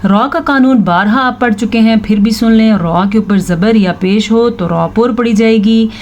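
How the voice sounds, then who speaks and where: A woman teaching tajweed, slowly reciting verses and patiently explaining how each letter is pronounced. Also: medium pitch, a little mellow, slight background noise. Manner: slow, drawn-out recitation of verses between quick spoken explanations; patient, instructive, repeats each word to correct common mistakes. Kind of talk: tajweed lesson with recited examples.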